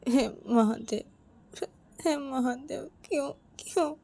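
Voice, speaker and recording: A woman's voice: medium pitch, fairly even intonation, brisk, mellow, close to an everyday voice. A woman voicing a tearful young woman devotee who refuses to marry, pleading and repeating herself.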